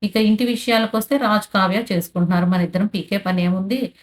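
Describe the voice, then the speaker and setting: A woman's voice: mid-range voice, steady tone, fast talker, close to an everyday voice. A woman reading the lines of a scheming middle-aged woman who taunts and stirs up trouble, in her own plain voice. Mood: needling. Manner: taunting, complaining.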